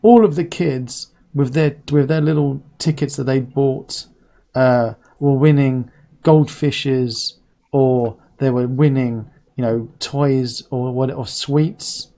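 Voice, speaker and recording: A man's voice: medium pitch, steady tone, slow, dark tone. A man in his forties who pronounces his r's as w's, hosting a casual live stream in a chatty, rambling, anecdotal way. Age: 40s. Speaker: host.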